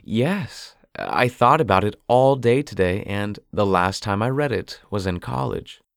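A man voicing a cheerful adult woman in an audiobook, speaking in a pleased, bright way. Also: on the low side, expressive, unhurried, creaky, no echo. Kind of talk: audiobook character voice. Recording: dry close recording.

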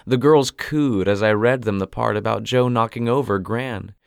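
A man voicing a cheerful adult woman in an audiobook, speaking in a pleased, bright way. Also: lowish voice, normal speed, vocal fry, clean tone, no echo. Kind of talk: audiobook character voice. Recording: dry close recording.

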